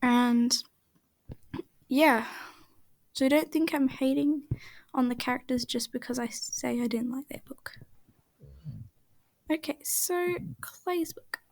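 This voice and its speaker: A woman with a high voice talks slowly through a relaxed voice-over while she draws. Her chat rambles and often sinks to a half-whisper, and the sound is dry and close. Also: gravelly, no echo. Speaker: art channel creator. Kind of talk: casual voice-over while drawing.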